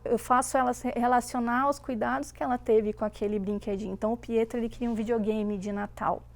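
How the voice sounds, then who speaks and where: Woman with a creaky, higher voice. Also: quick pace. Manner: animated storytelling with voiced quotes. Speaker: guest mother. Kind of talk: casual chat.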